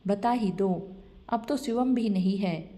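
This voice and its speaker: A wronged older mother-in-law posing as a vengeful ghost, as a woman storyteller puts her on. She accuses and threatens slowly, in a dark, mellow tone. This is a storybook reading. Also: mid-range voice, natural voice. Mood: menacing. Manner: menacing, accusing.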